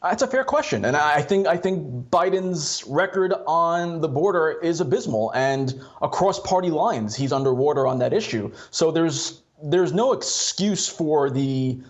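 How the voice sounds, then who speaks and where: A man debating as a political pundit in a measured, conciliatory way, on dull lo-fi audio. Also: on the high side, lively intonation.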